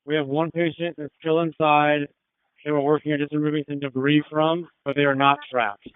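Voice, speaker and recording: A man's voice: fairly high pitch, level tone, normal speed, clean tone, no room sound. A man, a firefighter officer, giving clipped, urgent, businesslike status reports over a two-way radio. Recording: narrow-band two-way radio transmission.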